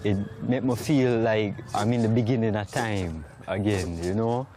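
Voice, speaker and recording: A man's voice: fairly low pitch, steady tone, unhurried. A man talking reflectively in an interview.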